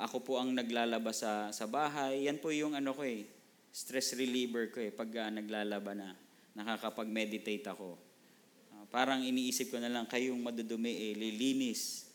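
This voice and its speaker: A man's voice: medium pitch, normal speed. A middle-aged man from the Philippines preaching a Bible sermon in a conversational way, often checking in with "no?" and slipping into English phrases. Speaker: pastor.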